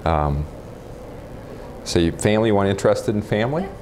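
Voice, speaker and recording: This Texas-born nuclear physicist in his forties sounds lowish and darkish, yet animated, as he recalls his life haltingly and matter-of-factly for an informal oral history. He is recorded indoors in a house on a clip-on mic with faint background noise, and the audio is poor.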